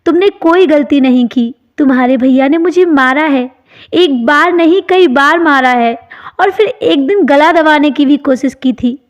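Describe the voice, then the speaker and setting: A woman's voice: sits high, measured pace. Woman voicing a stern, hurt young wife. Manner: firm, stern.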